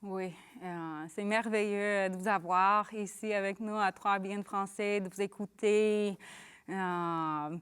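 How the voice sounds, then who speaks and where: Slow, clear-voiced woman host. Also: mid-range voice, steady tone, a bit bright. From Canada. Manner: slow, hesitant, many fillers. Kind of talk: hosting a Christmas talk show.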